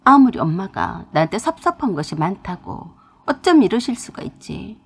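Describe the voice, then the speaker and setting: A woman narrating a family story in the first person, in a confiding, expressive storytelling manner. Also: medium pitch, moderate pace, breathy edge.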